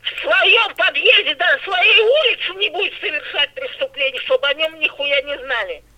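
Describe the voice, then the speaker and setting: A woman's voice: high-pitched, normal speed, pushed and bright. An older woman on a phone call, blunt, suspicious and swearing constantly. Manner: foul-mouthed, suspicious and blunt. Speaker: prank call target. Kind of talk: phone conversation. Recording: tinny phone line.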